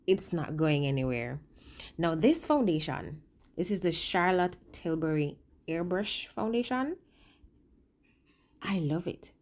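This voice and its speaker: A woman's voice: deep voice, darkish tone. A woman chatting casually through a makeup tutorial as a vlogger, informal and emphatic, with rambling asides, speaking with a swollen upper lip. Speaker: makeup vlogger and working makeup artist.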